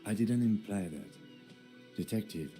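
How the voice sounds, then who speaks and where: A calm, methodical police lieutenant. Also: male voice, on the low side, music in the background. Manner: measured, polite, precise. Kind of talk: video game voice acting.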